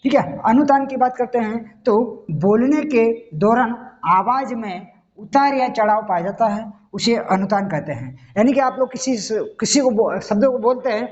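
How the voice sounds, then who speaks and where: A man's voice: very high-pitched, moderate pace, hardly any pauses. Man teaching grammar, dull lo-fi sound. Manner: explains step by step, often checking in with the listener. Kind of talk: classroom-style video lesson. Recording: dull lo-fi recording.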